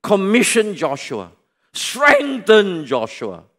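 High-pitched, dramatic Malaysian male preacher. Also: wildly swooping pitch, slow pace. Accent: Malaysian English. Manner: dramatic preaching, swinging from loud exclamations to hushed near-whispers; repeats points and asks the congregation questions. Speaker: pastor. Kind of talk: sermon.

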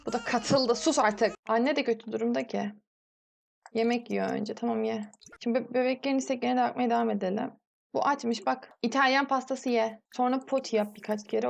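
A young woman with a higher, gravelly voice talks her way through a life-sim game, chatty and scolding the characters as she goes. A faint hiss sits under her voice. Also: a little mellow. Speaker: gameplay commentator. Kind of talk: casual let's-play commentary.

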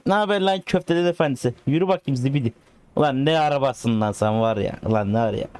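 A man commentating a driving game, excitably cheering and teasing the cars in casual slang. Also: fairly high pitch, background noise. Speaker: gaming channel host.

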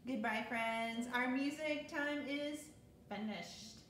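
A woman music therapist leading a sung lesson for children, cheerful and gentle as she sings and talks to the kids. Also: high-pitched, slow, a little hiss or hum. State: voice tiring from singing. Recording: very echoey room with guitar.

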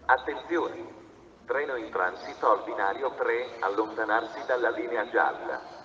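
A man giving an automated train station announcement in formal, segmented stock phrases over a platform loudspeaker. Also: medium pitch, lively intonation, unhurried, recorded from a distance, highs cut off. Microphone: distant recorder picking up loudspeakers. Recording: echoey station PA from afar, clear ambient noise.

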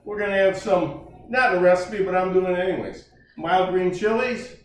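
Cooking in a big kitchen, an older man with a voice that sits high talks at a moderate pace, folksy and jokey, for his casual home cooking show. The camera records from a distance, so his voice sounds off-mic and echoey.

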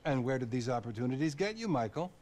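A man voicing a calm therapist in a game cutscene who speaks with dry detachment. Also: mid-range voice, fast talker, a crowd in the background, close to an everyday voice. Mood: detached.

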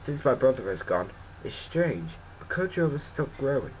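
A fussy video game village woman who fusses over her cuckoos and chats away about them, as a man reads her lines aloud. She sounds chatty and pleased, with a voice of middling pitch. There is a faint noise behind her. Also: sing-song, normal speed, close to an everyday voice, low-quality recording. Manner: reads game text aloud in a lightly put-on voice.

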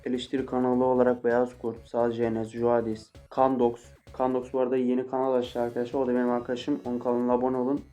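Young man, 18, casual Q&A vlog, fast, swearing jokes, soft guitar music behind. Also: mid-range voice, completely flat delivery. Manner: joking, swearing, mock-angry outbursts. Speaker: YouTuber answering viewer questions.

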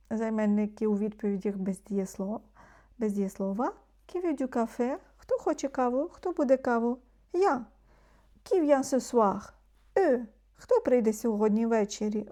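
Mellow-voiced woman teaching French. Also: a little high. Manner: explains slowly, repeating French words, often dropping to a soft murmur. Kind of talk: language lesson.

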